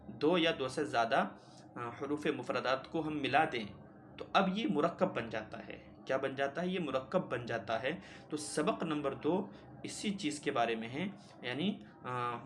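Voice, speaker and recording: A man's voice: mid-range voice, a bit bright, a little hiss or hum. A male teacher explaining a beginner Quran reading lesson step by step, patiently repeating key points and answering his own questions.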